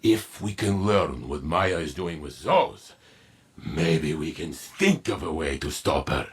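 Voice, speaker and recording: An actor playing an earnest warrior ally in a video game cutscene, speaking in simple, halting phrases. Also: male voice, a bass voice, big pitch swings, slightly rough, full character voice. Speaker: game character.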